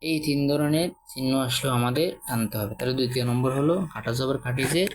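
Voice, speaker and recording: Male Quran reading teacher, mid pitch, patient syllable drills, steady background noise. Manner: slow, drawn-out drilling of letter sounds; quizzes listeners with short questions. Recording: noisy background.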